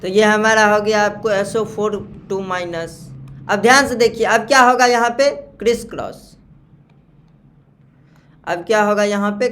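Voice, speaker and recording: Male chemistry teacher, slow and repetitive. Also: high-pitched, a bit bright. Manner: repeats key terms slowly, checks understanding with questions. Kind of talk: classroom lecture on naming salts.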